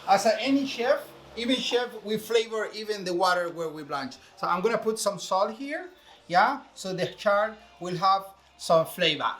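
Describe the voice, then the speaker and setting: His voice is high, animated and a little bright, moving at a moderate pace. This man from Venezuela, a chef with a Venezuelan Spanish accent, guides listeners through a recipe step by step in English, dropping plenty of fillers in a casual demo.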